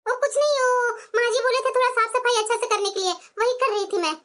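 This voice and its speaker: A woman voicing both mother-in-law and daughter-in-law in a cartoon family story, expressive and quick to switch roles. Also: extremely high pitch. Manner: expressive, switching between two figures.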